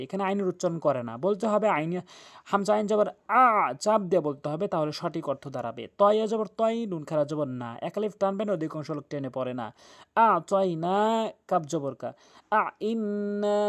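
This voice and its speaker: Earnest high-voiced man teaching recitation. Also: darkish tone. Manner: earnest, insistent, spells out letters syllable by syllable. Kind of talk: tajweed lesson.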